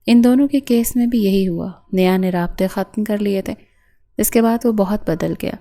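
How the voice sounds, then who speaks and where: A woman narrating a romantic novel in a soft, unhurried reading voice. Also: mid-range voice. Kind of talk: scripted narration.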